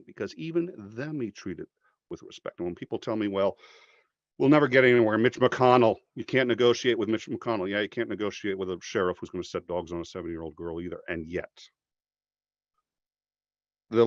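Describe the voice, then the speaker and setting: Animated, profane low-voiced man arguing. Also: dry recording. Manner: animated, profane, jumps into mocking voices for quotes. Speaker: podcast guest. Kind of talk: passionate conversational argument. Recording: dry, slightly dull podcast audio.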